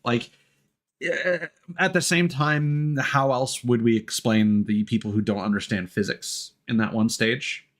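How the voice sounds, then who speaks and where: Over background game music, a male live streamer talks casually while playing, musing aloud hesitantly and rambling. He speaks at medium pitch with a steady tone, a little slowly.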